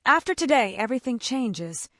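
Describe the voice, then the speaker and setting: A woman voicing a young bride with a smooth, sweet manner who hides something, in a story reading. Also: fairly high pitch, very animated, moderate pace, fairly bright tone, no room sound, studio quality.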